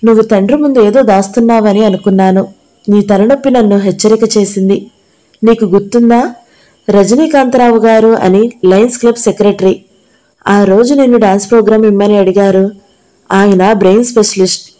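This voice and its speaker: A woman's voice: medium pitch, steady tone, normal speed, mellow, close to an everyday voice, low-quality recording. A woman reading the part of a kind young male doctor, speaking earnestly and reassuringly.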